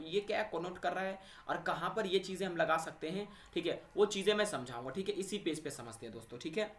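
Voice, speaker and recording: A man's voice: on the high side, bright, forceful tone, echoey room. A man teaching an English grammar lesson for exam preparation, calling students friends and posing questions he answers himself. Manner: addresses students as friends and little brothers, asks and answers own questions.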